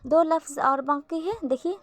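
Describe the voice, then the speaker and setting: A woman's voice: sits high, moderate pace, dry recording. A woman teaching a beginner Urdu reading lesson, patiently spelling out letters syllable by syllable.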